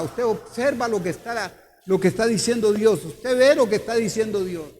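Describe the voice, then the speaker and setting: High-voiced pastor preaching in a reverberant church. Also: male voice. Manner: emphatic, repeats questions to the congregation. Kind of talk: sermon. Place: church hall.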